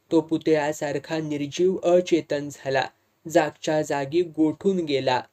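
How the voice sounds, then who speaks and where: A narrator reading a serialized novel aloud in a steady, earnest storytelling manner. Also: medium pitch.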